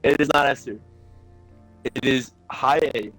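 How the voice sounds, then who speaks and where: A man's voice: medium pitch, a little slow, music in the background. A man in casual gaming chat with friends, blunt and opinionated, swearing freely.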